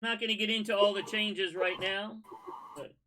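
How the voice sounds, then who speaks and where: A man with a drawl hosts a laid-back scale modeling livestream. His voice sits high and sounds sharp and bright, with a faint hiss of noise behind it. He chats and gives advice in a folksy way. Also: normal speed. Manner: relaxed, folksy, advice-giving. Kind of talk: casual livestream chat.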